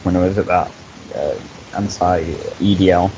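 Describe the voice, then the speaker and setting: In casual conversation on a live stream, a young male co-host swears and speaks earnestly while stammering through restarts. He has a low, darkish voice with fairly even intonation at a measured pace, picked up by a hissy, dull lo-fi mic.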